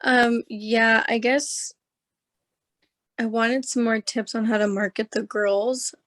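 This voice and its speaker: Hesitant woman with a flat voice. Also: a little high, slow pace. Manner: hesitant, with "I guess" and "like". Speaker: salon owner asking questions. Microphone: video call. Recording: video call audio.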